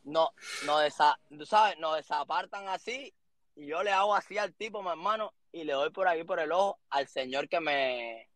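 A man in his thirties from Cuba with a Cuban accent, telling a story as an interview guest in lively street slang. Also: fairly high pitch, normal speed, dry recording. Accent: Cuban Spanish. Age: 30s. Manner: animated street slang, acts out quotes.

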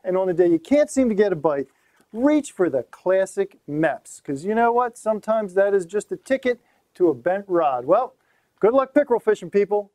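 Middle-aged guy showing fishing lures, upbeat, kinda high and soft-toned. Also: lively intonation, normal speed, dry recording. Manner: upbeat, emphatic repetition. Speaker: host. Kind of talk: gear demonstration. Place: small tackle shop room, indoors.

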